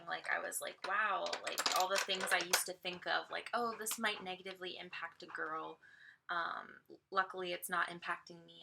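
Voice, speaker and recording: Young female vlogger, casual makeup chat, rambling filler-heavy delivery, low voice with heavy vocal fry. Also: bright, forceful tone. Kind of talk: casual get-ready-with-me vlog.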